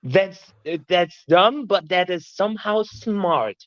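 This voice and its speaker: Guy with a pretty high voice cracking dry jokes, dull lo-fi mic, no room sound. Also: animated, slow pace, no room sound. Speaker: podcast co-host. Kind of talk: casual chat.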